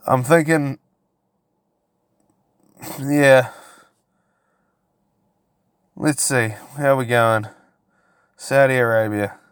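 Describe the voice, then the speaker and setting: A man's voice: medium pitch, extremely slow, long pauses, clear, resonant tone, no echo, clean studio sound. A man hosting a solo podcast, ranting casually in a brash, sweary, tongue-in-cheek frat-bro manner. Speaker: podcast host.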